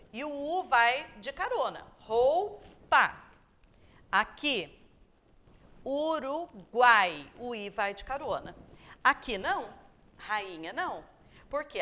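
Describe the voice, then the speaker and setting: A woman from Brazil giving a calm, patient recorded review lesson to primary pupils, sounding out words syllable by syllable and checking in with "tá?". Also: on the high side. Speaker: teacher.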